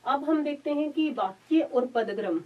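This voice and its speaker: A woman college lecturer giving a recorded lesson, explaining step by step, repeating her points and pausing on filler sounds. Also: high voice, lively intonation. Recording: dull lo-fi sound, distant mic.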